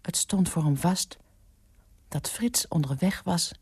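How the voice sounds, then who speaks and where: A woman reading a story aloud for radio in a calm, measured narration, close to a studio mic. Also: lowish voice, slightly rough, no echo. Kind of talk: scripted narration.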